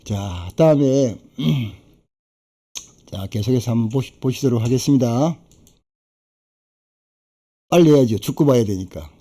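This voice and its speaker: A man's voice: mid-range voice, lively intonation, measured pace, pauses often, dark tone. A middle-aged man giving a chatty, folksy live-stream talk as a fishing boat broker. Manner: chatty, folksy, laughs between points.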